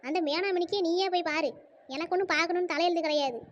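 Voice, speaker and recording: Squeaky, indignant village sister. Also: a little hiss or hum. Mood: bitter. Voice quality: high squeaky cartoon voice. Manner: fast, scolding, emotional. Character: indignant middle-aged village woman, the sister. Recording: dull lo-fi audio.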